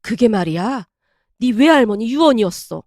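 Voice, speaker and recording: A woman voicing a middle-aged mother in a storybook drama, confiding softly in a hushed tone. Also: fairly high pitch, expressive, normal speed, no echo, clean studio sound, voice pushed down.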